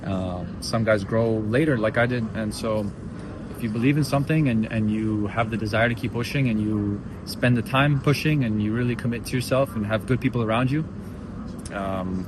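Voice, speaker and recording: A young man from Belgium, a professional footballer, answering post-match interview questions thoughtfully with many restarts. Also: fairly low pitch. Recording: noisy outdoor stadium interview.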